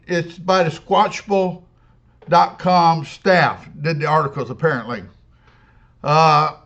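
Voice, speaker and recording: A man with a fairly high voice hosts his own paranormal channel, chatting straight to camera. He rambles in a stop-and-start way, full of fillers and repeated words, and recommends things in a friendly tone. The recording sounds dull and muffled. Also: a bit bright. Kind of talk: casual talk to camera.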